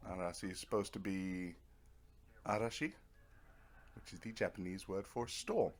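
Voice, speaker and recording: At a normal speed and in a low voice, a man streams a video game with casual, rambling let's play commentary. He sounds half like he's talking to himself, dropping playful little words, while Netflix on a nearby TV adds clear background noise.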